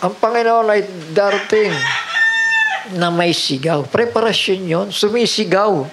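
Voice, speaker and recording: A man's voice: high-pitched, unhurried, heavy background noise. A man preaching a sermon, mixing in English phrases and often asking the congregation rhetorical questions.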